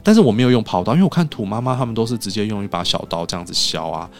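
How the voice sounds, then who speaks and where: A man's voice: lowish voice, very fast. A man from Taiwan, a podcast guest telling stories in casual chat and acting out what people said. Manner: animated storyteller who acts out quoted dialogue.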